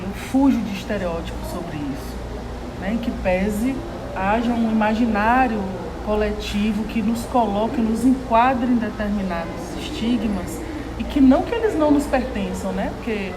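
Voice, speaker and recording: A woman in her forties from Salvador with a Bahian Brazilian accent, answering interview questions thoughtfully and searching for her words. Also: mid-range voice. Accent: Bahian Brazilian Portuguese. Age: 40s. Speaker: interviewee, cultural manager. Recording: noisy recording with background hum.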